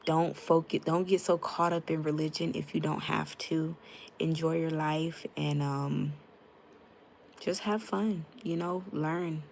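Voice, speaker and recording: A woman's voice: deep voice, fairly even intonation, measured pace, gravelly, darkish tone, slight background noise. A young woman chatting frankly with her live-stream viewers, greeting them by name and using lots of fillers, into a tablet mic. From United States. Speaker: livestreamer.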